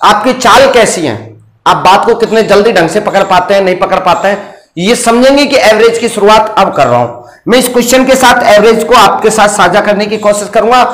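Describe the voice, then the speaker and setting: A male maths teacher lecturing in a classroom and quizzing his students with questions. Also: high-pitched. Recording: roomy echo.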